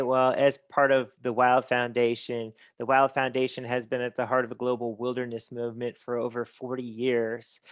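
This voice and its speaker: Halting man presenting in a dry, flat tone. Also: medium pitch, smooth, dry recording. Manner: halting, many fillers and restarts. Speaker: conference presenter. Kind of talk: online webinar presentation.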